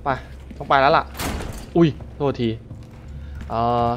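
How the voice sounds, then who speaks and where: A man giving casual live commentary while playing a horror game, excitable and yelping at scares. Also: a little high, a little slow, dull audio, slight background noise. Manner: excitable, shouts and yelps at scares; translates game lines aloud. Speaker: gamer.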